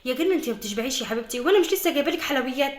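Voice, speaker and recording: A woman voicing a caring, busy Egyptian mother who talks briskly and soothingly in a family skit. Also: high-pitched, animated, echoey room. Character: caring busy mother hurrying her daughter.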